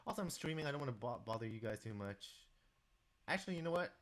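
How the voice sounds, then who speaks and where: A man's voice: medium pitch, lively intonation, quick pace, a bit bright. A man with a stuffy nose and a sore throat chats casually to live viewers while composing music, reading their messages aloud. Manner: chatty, talks to viewers and reads their chat aloud.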